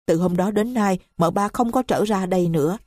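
A woman's voice: medium pitch, normal speed, warm tone, no room sound, clean studio sound, natural voice. A woman voicing a timid, dutiful young male servant speaking deferentially.

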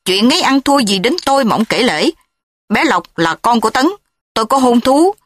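A woman voicing a distraught young wife in a read-aloud story, speaking in a raised, shrill, pleading voice. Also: lively intonation, moderate pace, a bit bright. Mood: angry.

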